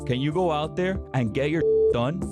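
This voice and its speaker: Guy doing a hyped miami cuban bro, kinda high voice, booming pep talk w dramatic buildups, music behind. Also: moderate pace, close to an everyday voice. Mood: fired-up, defiant. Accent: Miami Cuban-American. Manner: emphatic, dramatic build-ups, slangy Spanglish. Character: brash, hyped-up young Miami superfan bro. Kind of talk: booming motivational hype speech. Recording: background music under the voice.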